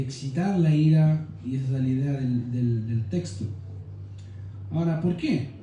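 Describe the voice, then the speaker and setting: A young man preaches a teaching sermon, often checking that his listeners follow. His voice is dark and mellow but sits a little high, and it comes from some way off the mic in a very echoey room with faint noise. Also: far from the mic. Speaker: pastor.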